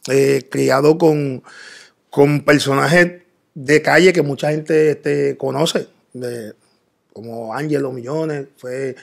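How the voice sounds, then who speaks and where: Born in the Dominican Republic and raised in Puerto Rico, this middle-aged man has a gravelly, medium-pitched voice and talks slowly. As a guest in a casual interview, he sounds calm but hesitant, with many fillers. He sits on a pink studio set, picked up by a boom mic.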